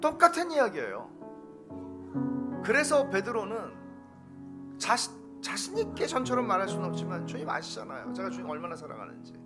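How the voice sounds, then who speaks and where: A middle-aged male pastor giving a sermon to his congregation, moving between loud emphasis and hushed, whispered intensity. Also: sits high, big pitch swings, normal speed. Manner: speaks straight to the congregation. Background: soft piano and guitar music.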